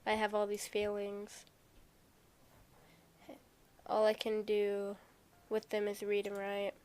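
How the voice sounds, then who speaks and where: A shy, soft-spoken bookish teenage girl, as a woman reads her lines from a game. She speaks slowly and gently, with a flat, even pitch. She sounds hesitant and unsure of herself. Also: clean tone, close to an everyday voice. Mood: insecure. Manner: hesitant, self-doubting, gentle.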